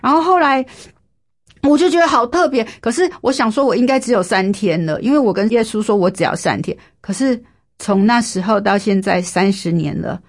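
A woman's voice: on the high side, fairly quick. A woman in her fifties earnestly sharing a personal faith testimony in an interview, repeating herself and using many fillers. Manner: earnest, emotional storytelling with frequent fillers and repetition.

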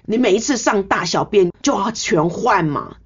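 A woman's voice: medium pitch, animated, moderate pace, husky. An older woman with a Taiwanese Mandarin accent, a nurse telling her story in an earnest, emotional interview. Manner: earnest, emotional storytelling with sentence-final particles. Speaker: nurse, guest. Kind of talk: personal testimony in an interview. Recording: slightly muffled recording.

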